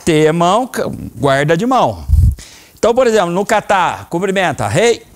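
A middle-aged karate instructor with a Brazilian Portuguese accent leads a children's class in a training hall, lively as he calls out commands and explains techniques. His voice is high, at normal speed.

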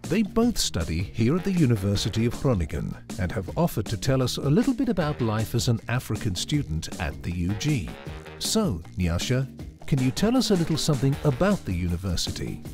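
A woman interviewer asking scripted questions in voice-over with a bright manner. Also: a bass voice, brisk. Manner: bright, very lively intonation. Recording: background music under the voice.

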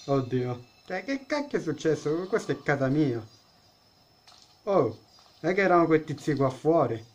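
A man's voice: on the high side, very animated, normal speed. A man giving let's-play commentary on a horror game as a gaming YouTuber, joking, chatting with the game characters and blurting out startled exclamations.

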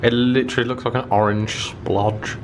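A man's voice: medium pitch, steady tone, normal speed. A young man making dry, wry remarks in casual chat beside a handheld camera. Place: airport terminal, then hotel room. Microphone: handheld camera at arm's length. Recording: loud background noise.

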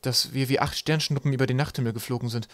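A man voicing an earnest young male sky-pirate captain, speaking eagerly and a little higher than his narration. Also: steady tone, fast talker, a bit bright, dry recording, lightly acted.

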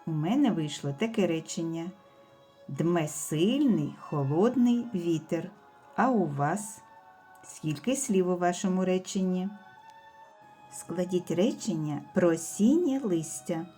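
A woman teaching a speech development lesson for young children, speaking slowly and clearly with careful enunciation. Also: lowish voice, expressive, dark tone, soft background music. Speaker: preschool teacher.

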